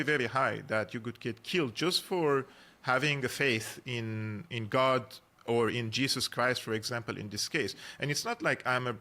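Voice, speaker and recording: A man's voice: mid-range voice, pushed and bright. An earnest man with a Syrian Armenian accent, a journalist and analyst speaking as a guest in a podcast interview, with frequent fillers and restarts.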